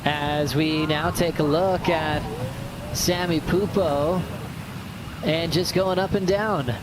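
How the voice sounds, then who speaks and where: A man's voice: a little high, steady tone, slow pace. A man giving live surf contest commentary in a laid-back announcer's delivery. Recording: outdoor ambience, engine noise behind.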